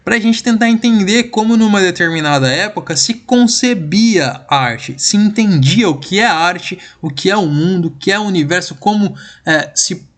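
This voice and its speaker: Casting: Brazilian male teacher, voice on the high side, relaxed slangy delivery. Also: moderate pace, hardly any pauses. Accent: Brazilian Portuguese. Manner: informal, slangy, checks in with "beleza?" constantly. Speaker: literature teacher. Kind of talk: casual online class.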